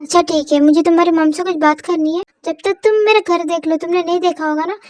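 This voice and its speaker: A woman's voice: very high voice, steady tone, fast talker, darkish tone, no room sound, studio quality. A woman voicing a fussy, doting middle-aged mother-in-law who coaxes a shy girl in a fan-fiction voice story. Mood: coaxing. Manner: fussy, coaxing.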